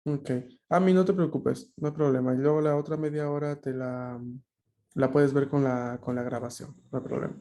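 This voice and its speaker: A man's voice: medium pitch, fairly even intonation, normal speed, dark tone. A man teaching a language class over a video call, explaining patiently with frequent fillers and checking questions.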